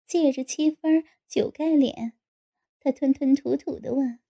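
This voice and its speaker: A woman narrating an audiobook in a steady storytelling delivery. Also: high voice, measured pace, creaky.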